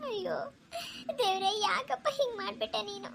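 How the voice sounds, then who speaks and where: A woman's voice: very high-pitched, a little fast, over loud music. A woman voicing a worried, tearful middle-aged mother in a cartoon, fretting and weepy. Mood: fretful. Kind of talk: cartoon voice acting.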